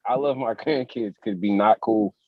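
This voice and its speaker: A man co-hosting a casual podcast, animated and quick to roast, often laughing. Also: lowish voice, dry recording. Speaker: podcast co-host. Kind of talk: casual chat. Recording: muffled dry remote mic.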